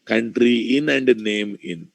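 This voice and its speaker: A man with a Telugu Indian accent teaches programming in a close, dry sound. His voice is creaky and unhurried, and he thinks aloud, repeating phrases and quizzing students as he goes. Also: mid-range voice, no echo. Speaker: programming instructor. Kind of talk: informal live coding lecture.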